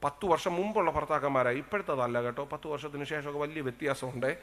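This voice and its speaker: A male pastor with a Kerala Malayalam accent delivers a lively sermon in a bright, somewhat high voice. He throws questions at the congregation and drops into soft asides. A long reverb trails each phrase. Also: very fast. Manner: animated, swings from loud exclamations to soft asides, talks to the congregation.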